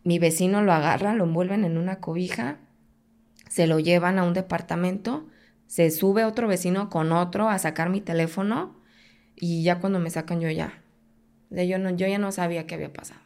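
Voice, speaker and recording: A woman's voice: fairly low pitch, fairly even intonation, moderate pace, darkish tone. A woman with a Mexican accent, a podcast guest telling a personal story in conversation. She tells it intensely and acts out her own past pleas.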